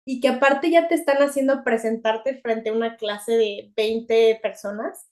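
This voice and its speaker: A young woman with a Mexican accent, co-hosting a podcast in a chatty, animated way and laughing often. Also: fairly high pitch, measured pace. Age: young adult. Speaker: podcast co-host. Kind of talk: casual chat.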